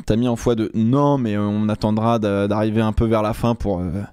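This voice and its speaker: A man's voice: on the low side, fairly even intonation, fairly quick, warm tone, smooth, dry recording. A man chatting casually on a live stream, rambling with many fillers and restarts.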